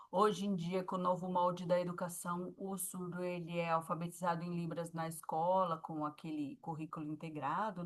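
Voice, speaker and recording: A woman's voice: lowish voice, fairly bright tone. A woman with a Brazilian Portuguese accent teaching a sign language class, explaining patiently and checking in with her students often.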